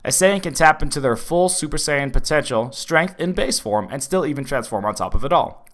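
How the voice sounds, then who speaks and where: A man reading viewer comments aloud in a flat, matter-of-fact way. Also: a little high, a little fast. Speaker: comment reader.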